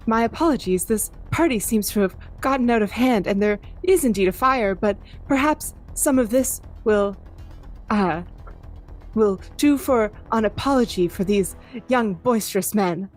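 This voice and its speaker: A woman's voice: medium pitch, animated, moderate pace, soft background music, pitched above the performer's own voice, natural voice. A woman voicing a courteous male robot butler during a tabletop game, speaking in formal, apologetic phrases. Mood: polite, soothing. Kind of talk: tabletop role-play, player voicing her character.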